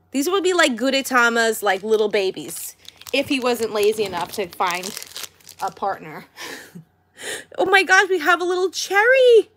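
Chatty, gushing woman with a high voice. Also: fairly bright tone. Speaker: toy and candy unboxing host. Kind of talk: casual unboxing vlog. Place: indoors at home, by a tabletop.

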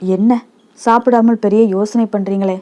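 A woman voicing a meek, gentle young wife who speaks softly and appeasingly, in a storybook reading. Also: medium pitch, steady tone, moderate pace, lightly acted. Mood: coaxing. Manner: soft, appeasing.

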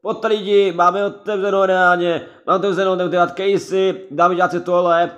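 Male gaming commentator, high voice, slightly stuffy from a cold, rambling casual talk aimed at viewers. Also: little pitch movement, a bit bright, highs cut off. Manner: chatty, repetitive, keeps addressing viewers. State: has a head cold. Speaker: gaming let's-play creator.

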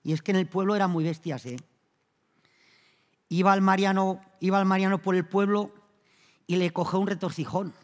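High-voiced man telling jokes on stage. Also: level tone, moderate pace, pauses often. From Spain. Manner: acts out the joke characters in raised, louder voices. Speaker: stand-up comedian. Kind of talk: comic monologue telling jokes. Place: theatre stage before an audience. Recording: long reverb of a theatre hall.

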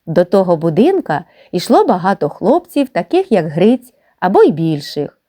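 Expressive woman reading a classic story. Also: on the low side, moderate pace. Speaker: narrator.

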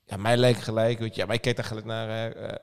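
A man hosting a podcast interview, asking questions in a rambling, halting way with many fillers. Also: lowish voice, level tone, clear, resonant tone, in a large hall. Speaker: podcast host. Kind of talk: casual interview talk.

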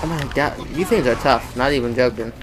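Playing a shooter game, a man delivers brisk, medium-pitched let's-play commentary against a noisy background. Casual and excitable, he mocks himself, addresses the game directly, and fires off repeated words in bursts.

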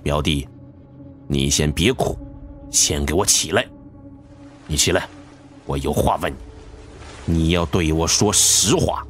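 A man's voice: sits low, sing-song, measured pace, fairly bright tone, soft background music, voice pushed down, heavily acted. A man voicing a stern older male cousin who speaks severely.

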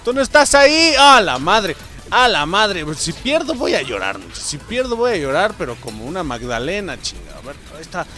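A young Mexican-accented man, high-pitched and brightly tense in tone, narrates his gameplay in a casual, excitable way. His voice leaps around in pitch as he yells and swears at the game. Faint game music plays behind him. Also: a little fast. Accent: Mexican Spanish. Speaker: gaming streamer.

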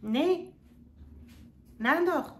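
A woman's voice: high-pitched, lively intonation, a bit bright. A woman with an Afghan Dari accent, telling a story to her online viewers and pleading with them to look after themselves. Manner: pleading, addresses listeners fondly. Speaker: YouTube storyteller giving advice. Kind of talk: earnest advice monologue to viewers.

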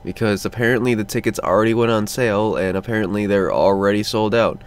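Sleepy male vlogger, rambling and drowsy, lower voice, faint background noise. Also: fast. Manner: drowsy and rambling, lots of ums and sighs. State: sleepy, just woke up. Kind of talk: casual update vlog. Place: cold room at home, under a blanket.

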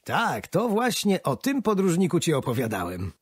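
A man voicing a cheerful, energetic old grandfather in a storybook, speaking heartily. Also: fairly high pitch, normal speed, slightly rough, dry recording, studio quality, voice pushed up. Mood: pleased. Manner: hearty, exclaiming, teasing.

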